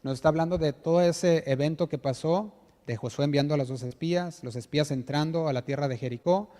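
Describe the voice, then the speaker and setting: A male pastor with a Mexican Spanish accent delivers an emphatic sermon. His voice is slightly higher than most men's but dark and mellow. It carries a long church-hall reverb, and he slows down to stress the scripture he reads. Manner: earnest, emphatic preaching with rhetorical questions; reads scripture aloud, slowing on key words. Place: church sanctuary.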